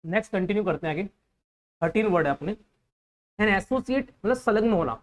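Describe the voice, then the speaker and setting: A man's voice: high voice, expressive, brisk. A man with an Indian accent teaching English vocabulary to exam students, patiently explaining and repeating words and spelling them out letter by letter.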